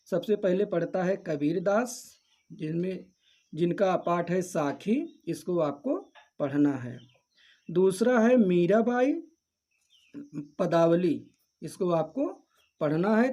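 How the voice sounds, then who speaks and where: A man's voice: high-pitched, mellow. A male teacher going through a syllabus for his students, listing each chapter one by one in a methodical, repetitive and instructive way. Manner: addresses students directly and instructively. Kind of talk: syllabus walkthrough lesson.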